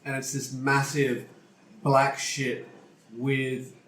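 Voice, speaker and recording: A man's voice: mid-range voice, completely flat delivery, extremely slow, fairly bright tone. Man narrating as game master, roomy mic. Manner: casual, hesitant storytelling with restarts. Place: room with friends around a table. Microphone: single shared mic on the table. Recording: roomy single-mic recording with faint noise.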